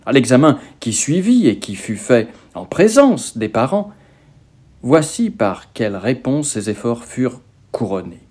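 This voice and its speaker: A man reading a religious book aloud as scripted narration, in a measured, expressive way. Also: mid-range voice, husky. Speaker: audiobook reader.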